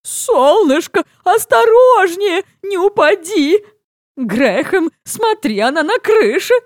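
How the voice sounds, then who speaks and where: A woman voicing an anxious mother who calls out to her daughter in a fussy, frantic, drawn-out plea. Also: very high voice, very animated, dry recording, clean studio sound, voice pushed up, exaggerated voice.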